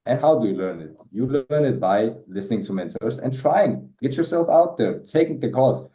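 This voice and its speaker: Here the guest sounds medium-pitched and dark-toned, still animated but at a moderate pace, on a reverberant, low-quality recording. A Danish native and sales closer, he answers the interview casually, repeating himself and often throwing in "bro."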